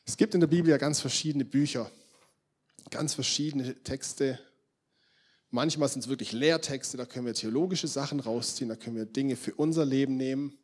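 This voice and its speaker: A young male preacher with a husky, slightly breathy voice at a middle pitch. He talks to his congregation like friends, loose and informal. He jumps from loud, emphatic bursts to low, intense near-murmurs. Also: moderate pace. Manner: casual, swings from loud emphatic outbursts to quiet intense murmurs; addresses the congregation directly. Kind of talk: sermon.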